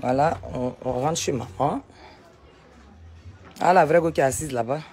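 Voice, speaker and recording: A woman, vlogging casually from a sunny village outdoors on a handheld phone, animated and talkative, firing back at critics. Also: low-pitched, normal speed. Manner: animated, chatty, retorts to critics. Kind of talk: casual vlog tour.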